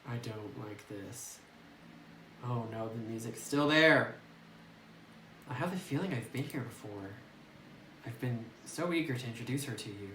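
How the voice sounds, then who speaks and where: A let's play gamer works through a horror visual novel, reading the text aloud and reacting nervously to the scary parts. His mid-range voice is animated, unhurried, and a bit bright, with frequent pauses. The phone mic sits some distance away, giving roomy, noisy audio.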